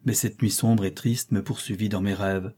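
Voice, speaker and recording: A man voicing an anxious young woman governess in an audiobook reading of a classic novel, measured and solemn. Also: lowish voice, fairly even intonation, darkish tone, slightly rough. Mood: troubled.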